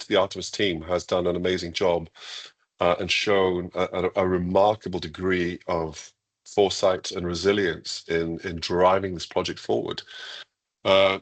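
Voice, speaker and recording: Low-voiced Icelandic-born school leader, live Q&A, upbeat but halting. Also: male voice. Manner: measured, enthusiastic, many ums and restarts. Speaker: international school head. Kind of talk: live Q&A interview.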